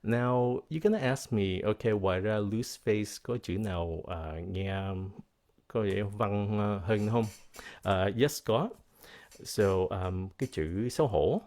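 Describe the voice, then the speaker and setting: A man teaching English vocabulary, switching between English and Vietnamese. His voice sits fairly low, and he talks at an unhurried pace, repeating each word carefully so it is easy to copy. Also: darkish tone. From United States. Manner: slow, deliberate, spells out pronunciation and switches between English and Vietnamese. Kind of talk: bilingual vocabulary lesson.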